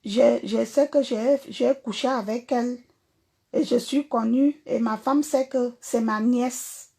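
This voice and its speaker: Cameroonian French woman, performer, blunt confrontational livestream talker; high, husky voice. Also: fairly even intonation, takes it slowly, dark tone. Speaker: singer and performer. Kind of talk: livestream rant to viewers.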